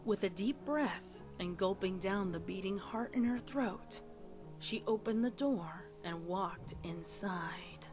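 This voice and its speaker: A woman narrates a horror story for a fan fiction audio reading in a dramatic, scripted style, with music playing behind her. Her mid-range voice moves at a slow pace and sounds close to how she'd speak every day.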